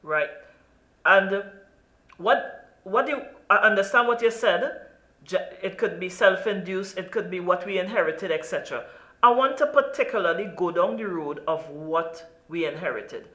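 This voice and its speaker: A Trinidadian woman with a Trinidadian accent hosts an interview on a talk show, sounding earnest and emphatic and saying "you know" a lot. Her mid-range voice is animated and sharp-toned, at a moderate pace, in a roomy-sounding space.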